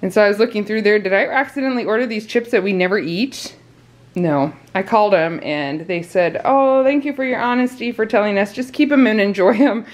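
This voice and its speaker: In her kitchen at home, an American woman in her thirties, mother of a large family, shows off her grocery haul in a casual vlog. She chats and laughs often while handling the items, her medium-pitched voice moving a little fast.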